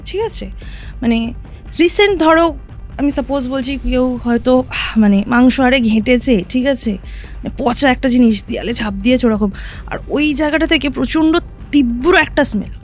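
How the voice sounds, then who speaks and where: High-voiced woman telling a ghost story. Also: moderate pace, soft background music. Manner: recounts events vividly, often checking in with "right?". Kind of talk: casual storytelling on a horror podcast.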